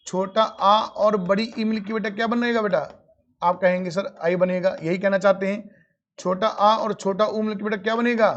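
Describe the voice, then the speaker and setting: A man whose voice sits high leads a live online grammar lesson, answering his own questions and calling his students "beta." The sound is dull and lo-fi.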